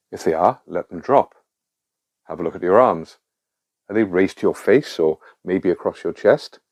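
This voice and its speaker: A man guiding a grounding exercise in a calm, reassuring, instructing manner. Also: sits low. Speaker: guide of a panic relief exercise.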